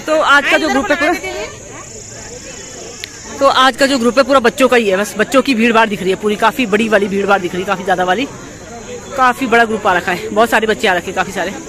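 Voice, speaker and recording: A woman's voice: a little high, fast talker, pauses often. A woman walking through an outdoor market and vlogging on a handheld phone. She talks casually, repeats herself and corrects herself as she goes. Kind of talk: walking market tour vlog. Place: busy outdoor hill-town market. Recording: crowd noise from a busy street. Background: crowd chatter.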